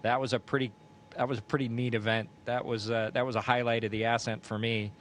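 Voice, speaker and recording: Even-toned man astronaut on a downlink. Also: quick pace. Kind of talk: unscripted recounting in a live downlink event. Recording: space downlink with faint rumbling noise.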